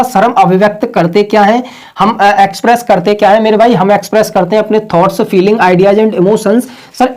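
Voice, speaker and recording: A man's voice: high-pitched, a little mellow. Guy teaching grammar online, repeats everything over and over, stretches out the words he's correcting. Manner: repetitive and drilling, calls listeners "sir" and "brother".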